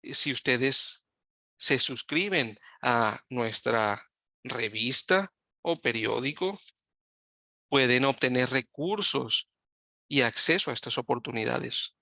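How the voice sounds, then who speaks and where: A man giving live Spanish interpretation of a webinar over a video call, talking in halting phrases and often correcting himself mid-sentence. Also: mid-range voice, animated, vocal fry, sharp tone, no room sound, studio quality. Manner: halting, with frequent self-corrections.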